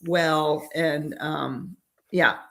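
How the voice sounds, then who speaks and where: A woman's voice: sits low, steady tone, very slow, gravelly, fairly bright tone. A woman co-hosting a casual nutrition podcast, chatty, trailing off with fillers and laughing often. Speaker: podcast co-host.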